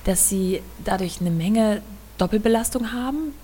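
A woman's voice: mid-range voice, moderate pace, dark tone, a little hiss or hum. A woman hosting a podcast, asking friendly, probing questions with occasional fillers. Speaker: podcast host. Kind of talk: conversational podcast interview.

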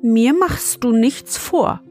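A woman's voice: medium pitch, animated, a little slow, faint music behind, close to an everyday voice. A woman voicing a small, stern grey old forest gnome in a storybook reading, with a thin, fine voice and a scolding, proud manner.

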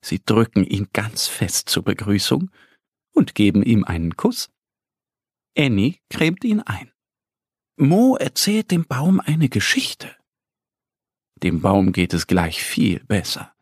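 A man narrating a children's story in a slow, expressive storytelling manner, recorded close in a studio. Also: fairly low pitch, breathy edge, dry recording.

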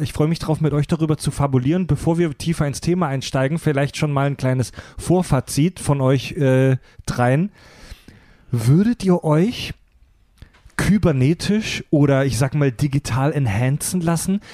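A man's voice: fairly high pitch, moderate pace, warm tone, dry recording, studio quality. A man hosting a panel podcast, with playful, mock-grand delivery like a ring announcer. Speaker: podcast host.

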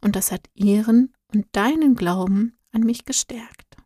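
Here the kind guardian angel of a storybook is played by a woman narrator, his voice fairly high, calm, soft and reassuring. He speaks slowly and soothingly in a gentle tone, the sound dry and near, free of any echo.

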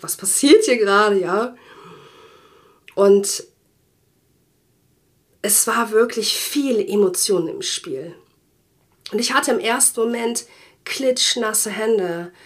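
A woman from Germany hosting a faith podcast, telling her personal testimony earnestly, often slowing down and sinking into soft whispers. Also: fairly high pitch. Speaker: podcast host.

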